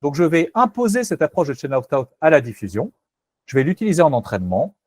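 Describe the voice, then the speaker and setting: A man's voice: on the high side, big pitch swings, fast, darkish tone, no echo. A man presenting a technical webinar, hesitant and self-correcting, candid and skeptical in tone.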